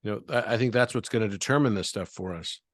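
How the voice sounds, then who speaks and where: A man who is a guest in an interview, calmly explaining things and walking through examples step by step. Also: fairly low pitch, fast, no echo, clean studio sound.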